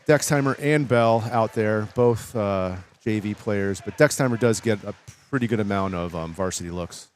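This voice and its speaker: A man doing live play-by-play commentary for a hockey game, brisk and rising in pitch on the big plays. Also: darkish tone, slight background noise.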